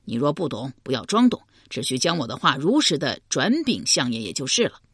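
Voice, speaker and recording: A woman's voice: very deep voice, big pitch swings, fairly quick, breathy edge, no room sound, studio quality, full character voice. Woman playing a proud, aloof burly herdsman.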